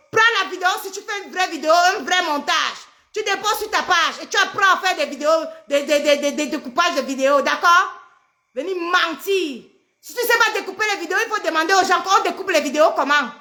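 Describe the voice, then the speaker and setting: A middle-aged pregnant woman, ranting angrily on a live stream, trading insults and mocking her rivals. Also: very high voice. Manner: shouting insults, mocking, repetitive. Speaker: social media personality. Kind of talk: angry live-stream rant.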